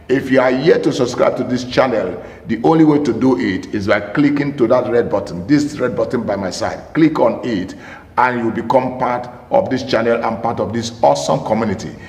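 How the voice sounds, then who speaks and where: A man's voice: mid-range voice, a little mellow. Emphatic male pastor in a reverberant room. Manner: emphatic, repeats key phrases, asks rhetorical questions. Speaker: pastor and marriage counselor. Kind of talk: teaching talk to camera. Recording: roomy with long reverb.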